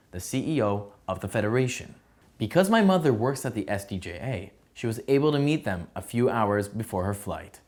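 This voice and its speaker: A young man from San Diego, a soldier, reading his personal testimony in a steady, earnest way. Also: mid-range voice. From San Diego, USA. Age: young adult. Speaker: soldier telling his story.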